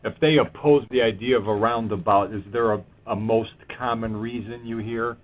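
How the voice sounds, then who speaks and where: A man's voice: lowish voice, fairly even intonation, normal speed. A man attending a webinar, asking a question and rephrasing it as he goes. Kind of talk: audience question. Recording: tinny phone-line audio.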